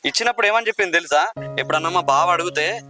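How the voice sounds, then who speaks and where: A man's voice: high-pitched, animated, racing, music in the background. A man playing a brash village moneylender. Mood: dismissive. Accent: Telangana Telugu. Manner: brash, dismissive, taunting. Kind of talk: village drama acting.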